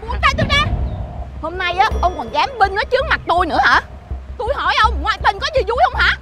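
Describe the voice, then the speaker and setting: A woman playing a middle-aged wife who scolds her cheating husband in shrill insults. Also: sing-song, quick pace. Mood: angry. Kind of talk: low-budget moral skit acting. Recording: loud music bed behind.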